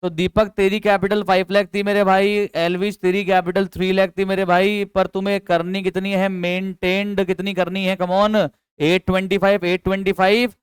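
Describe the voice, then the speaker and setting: Young male teacher with a high, smooth voice. Chatty coaching tone that keeps drilling students with questions, recorded close and dry. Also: level tone, normal speed, no room sound. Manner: chatty, coaxing, quizzes students with repeated questions; mixes English terms into speech. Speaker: accountancy teacher. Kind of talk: classroom lecture.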